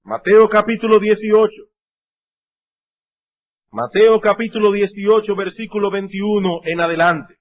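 A man preaching a sermon, swinging between shouts and low, quiet passages. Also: unhurried, long pauses, highs cut off.

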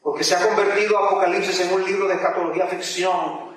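A man's voice: high-pitched, level tone, fast. A man preaching a sermon, reading scripture with swelling fervor.

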